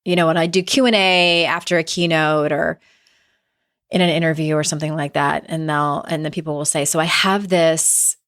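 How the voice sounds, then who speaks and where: A middle-aged woman hosting a casual solo podcast, candid and conversational, with some vocal fry in her voice. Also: low voice, flat delivery, a little fast, a bit bright. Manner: candid, conversational, with mild swearing. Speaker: podcast host and self-help author.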